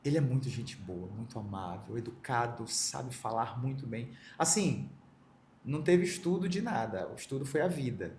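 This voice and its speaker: A middle-aged man from Brazil recounts a deeply personal reunion as an interview guest. He tells it vividly, slipping into the voices of the people he quotes. His mid-range voice echoes in the room, over a faint background hiss. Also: lively intonation, normal speed, darkish tone. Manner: emotional, vivid storyteller acting out quoted dialogue. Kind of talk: personal storytelling in a podcast interview.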